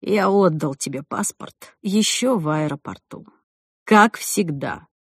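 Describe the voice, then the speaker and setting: A woman reading an audiobook voices a calm, condescending husband who coaxes his wife like a child. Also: fairly high pitch, slow pace, breathy edge, no room sound, studio quality, heavily acted. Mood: weary. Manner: soft, patronizing coaxing.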